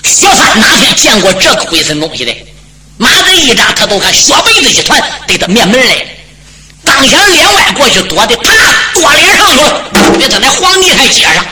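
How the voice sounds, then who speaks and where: A man performing traditional storytelling, dramatic and animated, speaking directly to his listeners. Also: extremely high pitch, brisk, noisy background.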